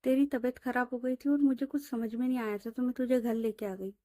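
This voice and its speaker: A woman voicing a patient young female employee and friend who calmly explains herself. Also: fairly high pitch, fairly quick, dry recording, clean studio sound, lightly acted. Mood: explaining. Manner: calm, explaining.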